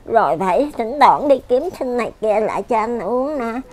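A woman's voice: on the high side, lively intonation, moderate pace, darkish tone. An older woman with a Southern Vietnamese accent, rambling and repeating herself as she complains about her life. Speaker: elderly widow being interviewed. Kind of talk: casual chat.

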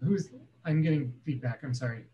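A man's voice: fairly high pitch, fairly quick, dull audio, background noise. A man in his thirties chairs a community council meeting over a video call from a small room at home, explaining things plainly with many ums. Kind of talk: casual meeting talk. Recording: echoey room.

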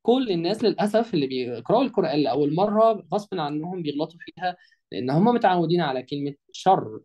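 Egyptian man teaching slow recitation. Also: on the high side, animated, dark tone, dull audio. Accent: Egyptian Arabic. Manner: quizzes listeners with prompting questions, pausing for answers; drawls words slowly to demonstrate pronunciation. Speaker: Quran teacher. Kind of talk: online lesson.

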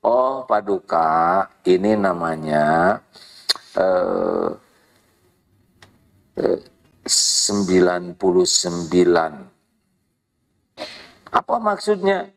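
A man voicing a calm, wise royal advisor who speaks deferentially and lower than his own voice. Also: very slow, creaky, pauses often, full character voice, poor audio.

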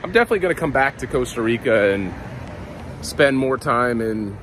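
Narrating a casual travel vlog, a relaxed man of about forty talks informally and expressively, a little fast, in a mid-range voice that's a bit bright. Some hiss or hum is audible. He's outside on town streets and a beach, recording with a phone at arm's length.

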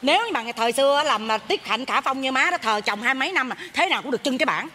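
An actress playing a greedy, brash widowed mother, loud and joking on a theater stage. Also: high-pitched, expressive, rapid-fire. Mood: complaining. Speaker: mother in a stage comedy sketch. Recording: live stage audio with noise.

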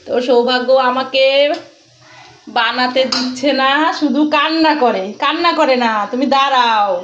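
A young woman, gently coaxing and soothing a toddler in a casual family vlog. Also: high-pitched, normal speed, muffled recording, a little hiss or hum. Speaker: mother and family vlogger.

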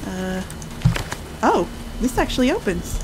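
A woman's voice: medium pitch, big pitch swings, unhurried. A woman co-hosting a game playthrough, reading text casually with playful, dry asides. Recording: clear noise and game sound behind.

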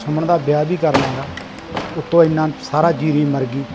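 Man, Punjabi accent, village drama, complaining, fast, music behind. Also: a little high, steady tone. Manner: scolding, complaining. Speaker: young farmer son in a village drama.

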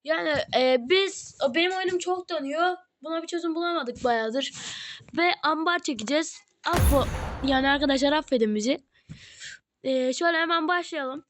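Young woman, high voice, frustrated gameplay commentary, phone mic, loud game sounds. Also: normal speed, background noise. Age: young, still in school. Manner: frustrated, complaining, repeating words. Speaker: mobile game streamer.

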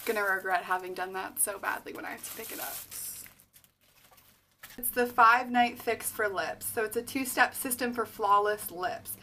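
A young woman from Canada, hosting her own vlog and gushing with excitement as she opens a gift package, full of little fillers and exclamations. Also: mid-range voice, moderate pace, a little hiss or hum. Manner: gushing, breathless, lots of likes and oh my gods. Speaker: vlogger.

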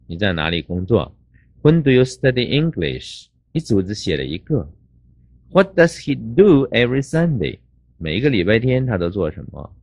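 Older man, lecturing teacher, low voice, drawn-out fillers, dry recording. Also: dry recording. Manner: explains slowly, repeats and adds drawn-out "啊" fillers. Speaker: English teacher. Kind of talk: lecture explaining English grammar.

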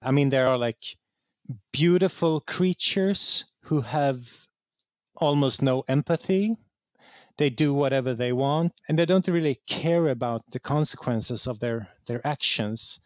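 A game writer with a Swedish accent explains things conversationally as an interview guest, repeating words while he hunts for the right phrasing. His voice is mid-range and a little slow, with no echo.

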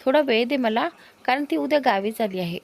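A woman's voice: on the high side, expressive, a little fast, creaky. A woman voicing a teasing, bossy young best friend in a spoken love story. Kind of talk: storybook character voice.

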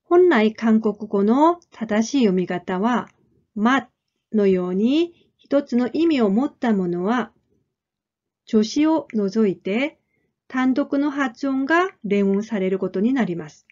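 A woman teaching a language lesson, speaking clearly and deliberately and repeating model phrases. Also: on the high side, lively intonation, darkish tone, lo-fi sound. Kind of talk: slow, careful lesson explanation.

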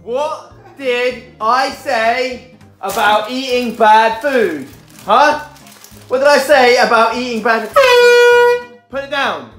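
Teasing woman with lively pitch. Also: slow, long pauses, soft background music. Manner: teasing, giggling, bossy scolding. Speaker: prankster. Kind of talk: casual prank vlog.

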